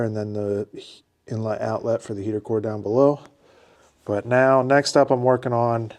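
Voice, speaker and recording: In a cluttered home garage, a man with a fairly low pitch and darkish tone narrates the car he's building. He's congested with a head cold and sounds laid-back, working things out aloud and restarting his phrases.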